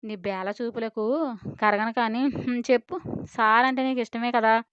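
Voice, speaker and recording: A scolding, mocking inner conscience, read by a woman narrator in an audio story. The voice is smooth and even, recorded dry. The sound is slightly dull. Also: fairly high pitch, normal speed, dry recording, natural voice.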